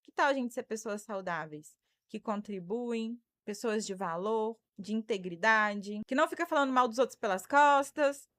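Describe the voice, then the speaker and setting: A woman's voice: fairly high pitch, moderate pace, a bit bright, dry recording. A woman in her thirties from Brazil, a psychologist hosting a live stream, giving advice and thanking viewers by name. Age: 30s. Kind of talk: live stream talk answering viewer comments.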